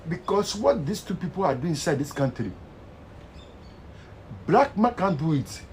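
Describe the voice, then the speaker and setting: Ghanaian Pidgin man, high-ish, lively pitch swings, fervent online rant, faint noise. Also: normal speed, rough recording. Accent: Ghanaian Pidgin English. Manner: fervent, animated, preachy. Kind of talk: impassioned social media rant.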